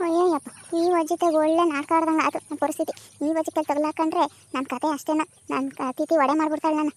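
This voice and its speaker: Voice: high voice, level tone, fast talker. A performer voicing a scheming young grandson in a comedy cartoon, muttering to himself. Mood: worried.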